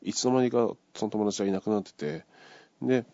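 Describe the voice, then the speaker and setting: A man's voice: fairly low pitch, fairly even intonation, a little fast, mellow, no room sound. A man casually retelling a dream he had, acting out the voices of the people in it. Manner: acts out the voices of people in the story. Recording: dull lo-fi dry recording.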